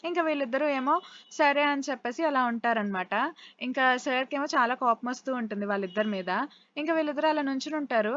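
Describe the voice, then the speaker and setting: A woman's voice: sits high, fast talker, lo-fi sound. A woman casually retelling a drama scene by scene in a chatty way, quoting the characters' lines as she goes. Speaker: drama recap narrator. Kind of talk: casual storytelling recap.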